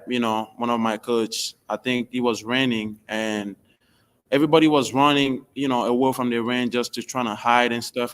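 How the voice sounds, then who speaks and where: A man's voice: mid-range voice, a bit bright, a little hiss or hum. A young man from Benin with a Beninese accent, telling his story casually in an interview, in informal non-native English. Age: young adult. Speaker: basketball recruit being interviewed.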